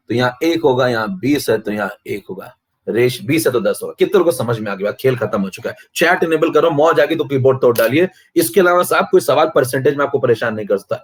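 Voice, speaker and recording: A male chemistry teacher streaming a live online class. He speaks in a slightly high voice, keeps asking the students whether they follow, and brags about his methods. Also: husky.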